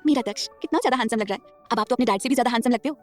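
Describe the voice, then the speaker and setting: A woman voicing a spirited young mother who snaps back with quick, irritated retorts. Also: a little high, soft background music, close to an everyday voice. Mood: tender. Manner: sharp, annoyed, quick retorts. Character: spirited young mother, sharp-tongued heroine.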